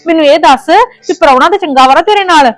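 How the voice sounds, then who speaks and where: A woman's voice: high-pitched, fast, no echo, soft background music, lightly acted. A woman playing a worried, fiercely protective mother with a Punjabi accent, soothing her daughter and scolding the in-laws. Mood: soothing, indignant. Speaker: mother on the phone. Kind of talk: family drama acting.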